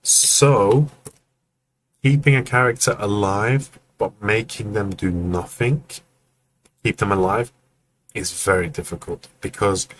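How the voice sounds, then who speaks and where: A man's voice: fairly low pitch, fairly bright tone, a little hiss or hum, low-quality recording. A man hosting a live stream, giving casual, friendly feedback on animation and acting out the movements as he explains. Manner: friendly, joking asides to chat.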